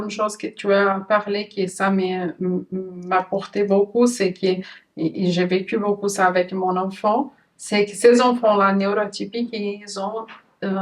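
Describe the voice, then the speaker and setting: A woman who is a mother, hosting a conversational interview, talking in an earnest, halting way with frequent restarts. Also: medium pitch. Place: lives in Switzerland. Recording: voice somewhat distant from the mic.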